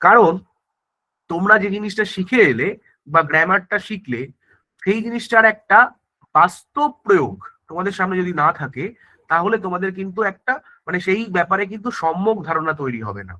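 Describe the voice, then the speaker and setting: A man's voice: sits high, animated, a little fast, bright, forceful tone, poor audio. A male teacher giving an exam-prep grammar lesson, explaining step by step, checking in with tag questions and often restarting his words. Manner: frequent self-corrections and restarts.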